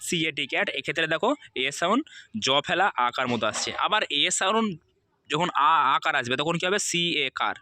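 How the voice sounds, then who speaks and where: A man's voice: a little high, bright, forceful tone. A man teaching English pronunciation, spelling words out letter by letter and repeating each example.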